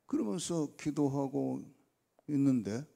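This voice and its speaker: Slow, gravelly older preacher man. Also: mid-range voice, lively intonation, warm tone. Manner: storytelling, acts out his talks with God. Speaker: guest preacher. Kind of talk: dawn revival sermon.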